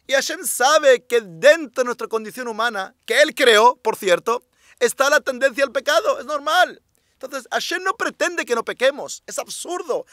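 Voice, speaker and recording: A rabbi teaches a religious class in a high, bright voice. He is emphatic, drives his points home by repeating them, and poses rhetorical questions to his listeners. The sound is dry and close, with no room echo.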